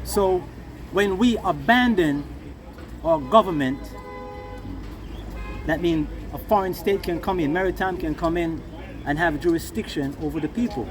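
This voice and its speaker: A man's voice: a little high, measured pace, pauses often, over music. A Jamaican man giving impassioned, informal Rasta-style reasoning, emphatic and often checking that his listener follows. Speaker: interviewee. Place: outdoors near passing vehicles. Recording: noisy outdoor recording with traffic.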